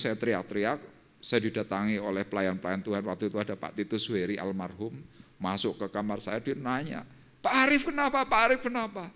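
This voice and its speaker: An older man, a pastor, preaching a sermon and telling his own testimony, dropping to low murmurs and rising to loud, high exclamations. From Indonesia. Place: church service.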